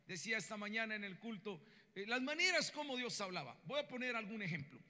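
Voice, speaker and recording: Bright-voiced preacher in a reverberant hall. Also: male voice, high-pitched, fast. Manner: animated storytelling, acts out biblical dialogue in voices. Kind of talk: sermon.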